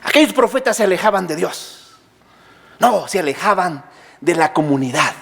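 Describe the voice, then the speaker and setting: A man preaching a sermon as pastor, asking his congregation questions and answering them himself, building to near shouts. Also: high-pitched, lively intonation, moderate pace, vocal fry, breathy edge.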